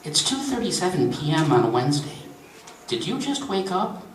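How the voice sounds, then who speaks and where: A man's voice: on the high side, sing-song, normal speed, reverberant, recorded from a distance, slight background noise, pitched above the performer's own voice, poor audio. A man voicing a prim automated telephone menu that turns needling, reading aloud to an audience. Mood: mocking. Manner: clipped menu prompts turning snide. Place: convention reading room.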